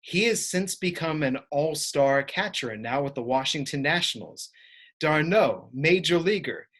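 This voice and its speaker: A man interviewing a guest for a baseball team, asking clear, upbeat questions. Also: fairly high pitch, animated, a little slow, a bit bright.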